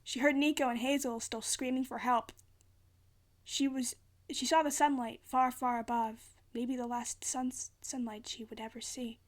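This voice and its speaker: A woman's voice: on the high side, level tone, moderate pace. A woman giving a theatrical, amateur storybook narration, often stumbling and rereading phrases. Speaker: amateur reader.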